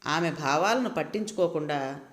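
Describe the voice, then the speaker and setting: A storyteller giving calm, measured narration of a story as the channel's host. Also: medium pitch. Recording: roomy with long reverb.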